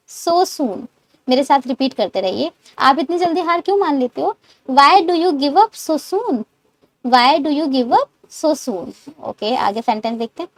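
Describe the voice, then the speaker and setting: A woman teaching English words, explaining in Hindi and modelling slow English sentences for learners to repeat. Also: high voice, no echo. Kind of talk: spoken English lesson.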